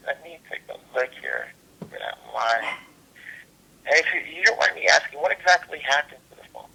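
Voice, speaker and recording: A man's customer service voice on a telephone call, very bright and forward with a gravelly rasp. He is polite and procedural, often repeating words haltingly as he works through an account. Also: fairly high pitch, sing-song. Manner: halting, repetitive phrasing.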